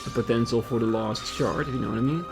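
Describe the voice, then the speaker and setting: A man's voice: medium pitch, steady tone, quick pace, creaky. A man hosting a let's play with casual, hesitant, rambling commentary as he plays. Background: game music.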